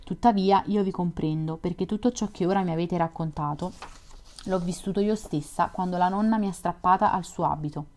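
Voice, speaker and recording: A woman reading the part of a shy, earnest young woman in a read-aloud story, with a gentle, heartfelt delivery. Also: fairly low pitch, brisk, natural voice. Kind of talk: audiobook reading.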